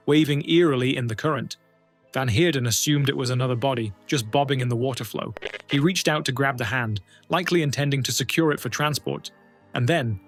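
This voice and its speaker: A man giving scripted documentary narration, telling a true story in a dramatic, suspenseful way. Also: mid-range voice.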